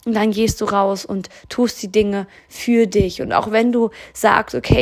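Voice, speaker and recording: Earnest German woman with gravelly voice. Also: medium pitch. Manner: earnest, encouraging, addresses the listener directly. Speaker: podcast host and coach. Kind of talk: motivational podcast monologue.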